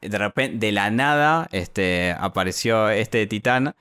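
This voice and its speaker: An Argentine man with a lowish, smooth, resonant voice talks loosely, his speech full of hesitations and self-corrections. The sound is close and dry, with no room around it. He keeps a relaxed, chatty pace. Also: slow, no echo. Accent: Argentine Spanish. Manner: rambling recap with many fillers and restarts. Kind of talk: casual chat.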